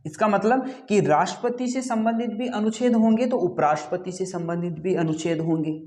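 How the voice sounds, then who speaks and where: A man's voice: sits high, fairly quick, darkish tone. A man teaching an exam-prep class, who asks rhetorical questions, answers them himself and repeats key terms. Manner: repeats key terms, says "ठीक है" often.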